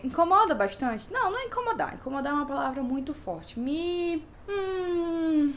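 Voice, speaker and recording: A woman's voice: high voice, very animated, moderate pace, slight background noise. A young Brazilian woman with a Brazilian Portuguese accent, chatting casually and expressively to her viewers in a vlog. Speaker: vlogger.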